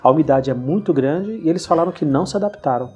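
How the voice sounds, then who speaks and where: A man hosting a casual podcast conversation, telling anecdotes in a lively way. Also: a little high, fast, dull audio, faint music behind. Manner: storytelling, animated retelling of anecdotes. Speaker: podcast host. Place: lives in São Paulo.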